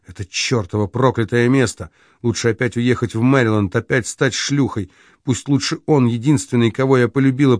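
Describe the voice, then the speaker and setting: A man's voice: mid-range voice, darkish tone, dry recording, studio quality, close to an everyday voice. A man reading an audiobook, voicing a distraught young woman who swings between pleading and bitter scorn. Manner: pleading, then bitter and contemptuous.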